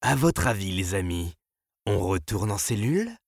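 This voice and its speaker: A man voicing a menacing giant convict who speaks with slow, mocking calm. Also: lowish voice, no room sound, studio quality. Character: menacing giant male convict, smug and unhurried.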